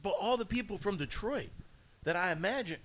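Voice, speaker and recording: Bright, laid-back male co-host. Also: sits high, lively intonation. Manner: laid-back, drawn-out musings with many fillers. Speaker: podcast co-host. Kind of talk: casual chat.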